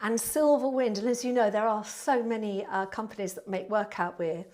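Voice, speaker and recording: A woman with a southern English accent chatting casually to viewers as a Pilates instructor, in a warm, friendly, chatty manner. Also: mid-range voice, fairly even intonation, normal speed. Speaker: Pilates instructor and online class host. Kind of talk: casual livestream chat to viewers. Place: indoor studio.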